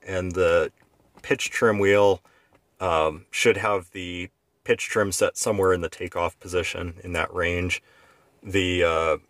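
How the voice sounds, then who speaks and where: Low-voiced man explaining cockpit checks. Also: dry recording. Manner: relaxed, explanatory, frequent fillers and restarts. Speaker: flight instructor. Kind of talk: unscripted instructional walkthrough. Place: inside an aircraft cockpit.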